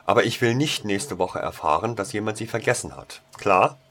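Penelope, a man doing a loud bossy girl prefect. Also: fairly low pitch, moderate pace, slight background noise, voice pushed up, close to an everyday voice.

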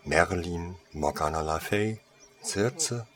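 A man voicing a female wand shop saleswoman who talks with eager, servile flattery in a storybook reading. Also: deep voice, slow.

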